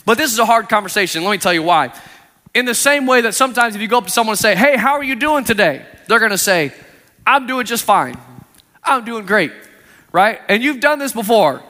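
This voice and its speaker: A man's voice: high voice, expressive, a little fast, pushed and bright. A man preaching a sermon in an earnest, conversational way, quoting scripture to his congregation. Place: church sanctuary. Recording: long reverb of a church hall.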